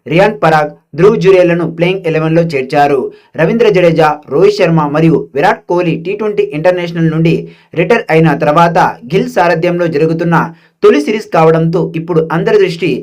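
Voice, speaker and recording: A man reading a scripted match recap as a sports highlights narrator. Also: darkish tone.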